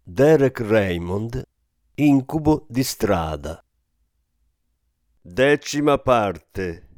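A man narrating an audiobook in a steady, measured way, close to the mic. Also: medium pitch, no echo. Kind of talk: audiobook reading.

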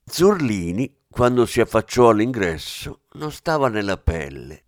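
A man narrating a crime novel in a measured, lower reading voice. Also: sing-song, no room sound, studio quality. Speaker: audiobook narrator. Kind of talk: scripted narration.

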